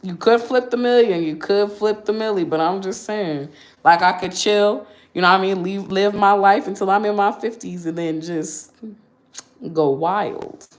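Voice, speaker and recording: A woman in her twenties answers viewer questions on a casual livestream, candid, slangy, and talkative. Her voice is medium in pitch and moderately paced.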